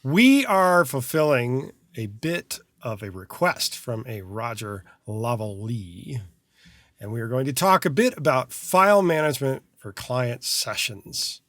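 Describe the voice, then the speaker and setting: A man's voice: mid-range voice, expressive, a little slow, fairly bright tone, dry recording. A man co-hosting a podcast about mixing, talking casually with dry, sarcastic asides about being fussy with his files. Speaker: podcast co-host, mixing engineer. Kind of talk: casual chat. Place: studio.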